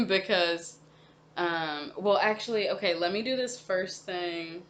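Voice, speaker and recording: A young woman with a somewhat low voice talks casually about her stitching projects. She rambles, stops to correct herself and fills the pauses with ums. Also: a bit bright, slight background noise. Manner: chatty, rambling, many ums and self-corrections. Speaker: cross-stitch vlogger. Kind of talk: casual chat.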